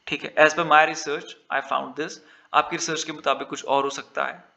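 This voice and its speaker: Echoey teacher, going over exam answers. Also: male voice, on the high side, flat delivery, a little slow, vocal fry, sharp tone. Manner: mixes Hindi and English, repeats answers aloud. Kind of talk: lecture walking through exam answers.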